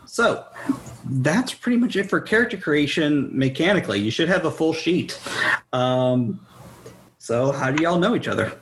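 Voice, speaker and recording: A man running a tabletop game as game master, prompting players in turn with brisk, wry remarks. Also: on the high side, sing-song, noisy background.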